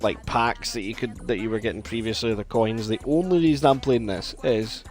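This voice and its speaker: A man's voice: lowish voice, a little fast, a little mellow, faint music behind. A man commentating casually on his own live game stream, chatting and reacting to the play. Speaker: gaming streamer.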